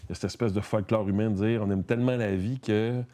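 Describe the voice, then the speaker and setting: A man's voice: lowish voice, fairly even intonation, fast talker, dark tone. A man from Quebec with a Québécois French accent, a guest chatting casually and rambling, with many restarts and a lot of "tu sais". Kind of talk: casual conversation.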